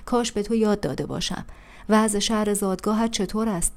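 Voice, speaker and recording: A woman reading aloud, voicing a dying mother trapped under rubble whose voice is growing weak, in a soft, solemn farewell. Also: mid-range voice, fairly even intonation, lightly acted. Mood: fading, tender. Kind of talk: audiobook reading.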